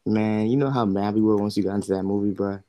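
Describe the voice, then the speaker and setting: Low mellow-voiced young man telling stories. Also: steady tone, quick pace, no room sound. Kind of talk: casual chat.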